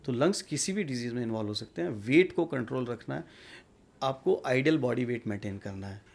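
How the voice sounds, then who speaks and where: Gravelly-voiced male doctor explaining calmly. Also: mid-range voice. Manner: measured, explanatory, mixes English terms. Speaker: doctor, guest. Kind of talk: medical interview answers.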